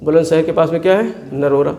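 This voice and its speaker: Speaking quickly in a mellow, fairly high voice, this male tutor guides students through map work for an exam. He asks and answers his own questions and keeps repeating each place name so it sticks.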